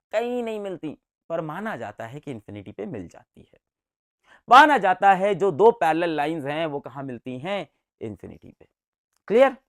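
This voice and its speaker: A man's voice: high voice, no echo. A man teaching a science class in a playful, sing-song manner, with a voice that leaps up and down. He keeps repeating key words, quizzing his students and making sound effects. The sound is close and dry.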